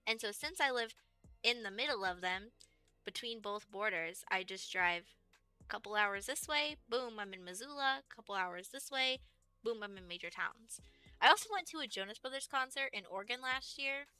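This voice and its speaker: Bright, clear-voiced young woman streamer. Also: on the high side, animated, normal speed, no echo, faint music behind. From Texas, USA. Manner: rambling, chatty, many fillers like "like" and "um". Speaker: livestreamer. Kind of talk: casual stream chat.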